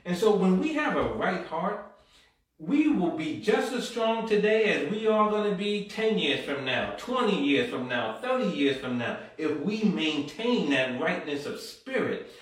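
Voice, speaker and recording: A man with a high-pitched, sing-song voice preaches a little slowly, reading scripture and rising into fervent exhortation punctuated by amens and call-and-response. The recording comes from a distance in a very echoey church hall.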